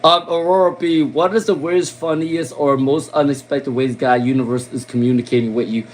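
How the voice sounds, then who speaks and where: This tarot reader, a man with a Long Island accent, does a casual live-stream reading in a mid-range, fairly even voice, speaking a little fast over a slight hiss or hum. Chatty and full of "um," he keeps repeating names and questions and caps his points with "okay?" and "all right?"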